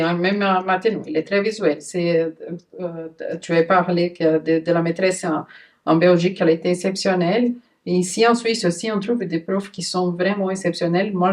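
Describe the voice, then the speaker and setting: A woman who is a mother, hosting a conversational interview, talking in an earnest, halting way with frequent restarts. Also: mid-range voice, a little mellow. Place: lives in Switzerland. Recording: voice somewhat distant from the mic.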